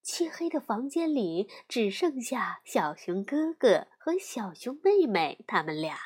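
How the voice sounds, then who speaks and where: 一位女性用缓慢而富有表现力的语气朗读儿童故事。. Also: female voice, a little high, husky. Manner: slow, expressive storytelling. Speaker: storyteller. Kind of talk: children's audiobook narration.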